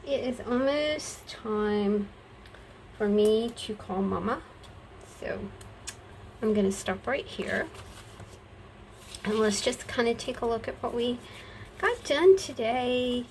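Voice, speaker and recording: A woman's voice: on the high side, slow pace, pauses often, darkish tone, a little hiss or hum, poor audio. A woman chatting casually to her viewers while she crafts, folksy and affectionate, talking to herself as she works. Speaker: craft vlogger.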